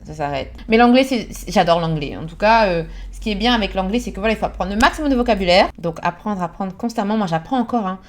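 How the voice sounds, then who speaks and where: A woman's voice: medium pitch, fast, hardly any pauses. Chatty woman explaining English slang. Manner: chatty, animated, acts out short English examples and laughs at herself. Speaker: vlogger teaching British English expressions. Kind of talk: casual explanatory vlog.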